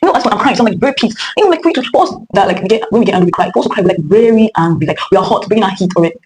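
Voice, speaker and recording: A woman's voice: mid-range voice, expressive, very fast, darkish tone, slight background noise, poor audio. A young woman with a Nigerian accent, rambling chattily through a casual storytime monologue with many fillers and restarts. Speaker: vlogger.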